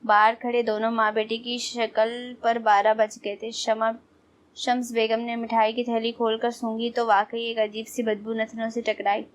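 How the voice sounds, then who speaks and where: A woman narrating an audio novel in a steady storytelling read. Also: fairly high pitch. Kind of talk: scripted narration.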